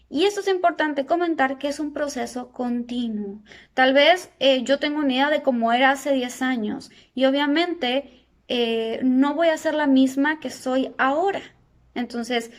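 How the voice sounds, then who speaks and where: High-voiced woman psychologist in her thirties. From Argentina. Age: 30s. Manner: calm, explanatory, addresses viewers directly with rhetorical questions. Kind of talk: educational talk.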